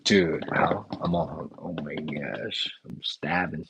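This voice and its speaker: A man's voice: rumbling low, slow, vocal fry, background noise. A man hosting a casual live chat, reading viewer comments aloud and riffing on them in a laid-back way. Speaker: chef and restaurant owner hosting a live chat. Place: indoors, talking to a live chat.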